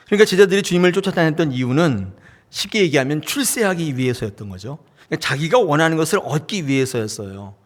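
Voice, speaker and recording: A man preaching a sermon as pastor, talking in a conversational way, asking the congregation questions and acting out short dialogues. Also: on the high side. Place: church sanctuary.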